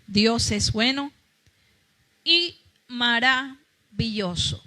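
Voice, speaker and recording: A woman's voice: a little high, lively intonation, very slow, bright, forceful tone. A woman pastor preaching a fervent sermon, calling out to her congregation.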